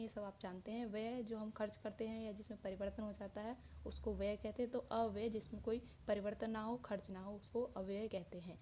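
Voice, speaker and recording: A woman's voice: mid-range voice, darkish tone, slight background noise. A woman teaching a grammar lesson, explaining step by step with many examples.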